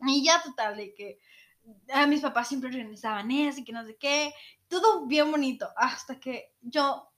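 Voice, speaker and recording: A woman's voice: high-pitched, moderate pace, a bit bright. A woman co-hosting a podcast, telling a childhood story in casual chat, laughing often and acting out quotes. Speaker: podcast co-host.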